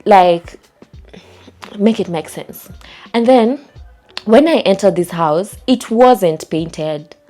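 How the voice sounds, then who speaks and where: A woman's voice: medium pitch, takes it slowly, long pauses, faint music behind. Exasperated Kenyan woman vlogging. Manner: animated, exasperated retelling with laughs. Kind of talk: casual storytelling vlog. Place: indoors at home, small room.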